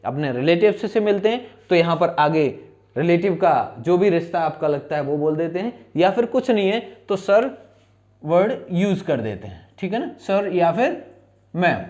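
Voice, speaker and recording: A man's voice: sits high, big pitch swings, moderate pace, darkish tone, dull audio. A male teacher giving a spoken-English lesson, asking questions and answering them himself in repeat-after-me drills.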